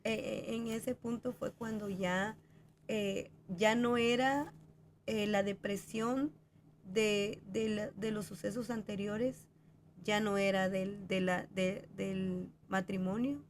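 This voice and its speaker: A woman's voice: medium pitch, steady tone, slow, a little hiss or hum. A woman talking in a reflective, conversational way, hesitating with fillers as she works through her thoughts. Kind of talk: conversational podcast talk.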